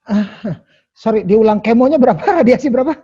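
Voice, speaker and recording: Brief: man hosting, husky higher voice, dark and muffled sound, emphatic and animated. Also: a little fast. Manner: animated, probing questions, emphatic repetition. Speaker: host.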